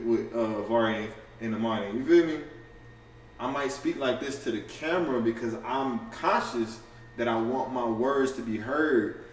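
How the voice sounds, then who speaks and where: A man in a casual livestream to camera, talking fast and loosely with lots of slang, profanity, restarts and "you feel me" asides. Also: mid-range voice, a little mellow, a little hiss or hum. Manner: fast and offhand. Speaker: content creator going live. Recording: roomy, distant camera audio with faint ambience.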